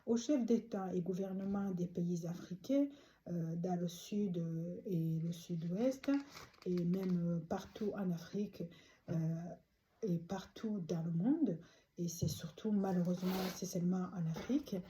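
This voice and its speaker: A woman from Rwanda delivers a prayer and prophetic address in a very dark, mellow voice. She talks haltingly, with many pauses and fillers, yet stays earnest and pleading throughout. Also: lowish voice, slight background noise. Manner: halting, with frequent hesitations and fillers. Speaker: speaker delivering a prophetic message.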